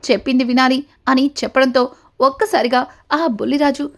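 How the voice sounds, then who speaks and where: High-voiced woman retelling a serial. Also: brisk, gravelly. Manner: steady retelling, links events with repeated connectives. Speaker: serial episode recapper. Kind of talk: storytelling recap of a TV serial.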